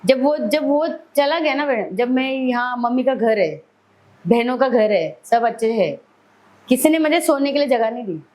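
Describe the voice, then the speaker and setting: A middle-aged woman, a celebrity hair stylist appearing as a podcast guest, vividly tells her life story in an interview. Her voice is a little high and darkish, with lively intonation and an unhurried pace, on a low-quality recording.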